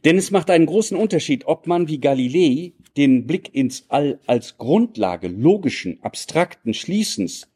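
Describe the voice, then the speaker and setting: A man giving an academic lecture in measured, formal and elaborate sentences. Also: fairly high pitch, sing-song, warm tone, husky.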